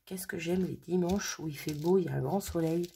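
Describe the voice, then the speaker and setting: A woman's voice: lowish voice, fairly quick, creaky, dark tone, a little hiss or hum. A mother chatting casually as she makes a card at home, thinking aloud while she works. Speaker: crafting vlogger. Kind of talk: casual crafting tutorial chat. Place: home craft table on a sunny day.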